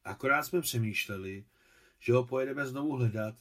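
A man's voice: medium pitch, a bit bright, natural voice. A man reading an audiobook, voicing an anxious, tearful young mother who speaks eagerly and with emotion.

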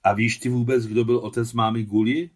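A man reading out a gruff but caring aging war veteran who talks in short, terse lines. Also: mid-range voice, lively intonation, fairly bright tone.

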